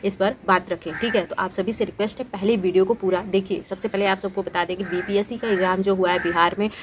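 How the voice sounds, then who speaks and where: A woman's voice: mid-range voice, fairly even intonation, quick pace, background noise. A woman talking straight to her viewers with earnest, pleading commentary, full of fillers and restarts. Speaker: YouTube commentator on exams. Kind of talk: direct-to-camera commentary.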